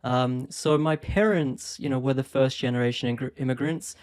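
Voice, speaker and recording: Brief: thirties male vlogger, New Zealand-Australian accent, clear resonant voice, chatty and upbeat, talking to a phone camera. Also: medium pitch, steady tone, normal speed, darkish tone. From born in India, raised in New Zealand and Australia. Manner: chatty, upbeat, with small laughs and frequent ums. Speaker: property investment YouTuber. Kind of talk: casual talk to camera.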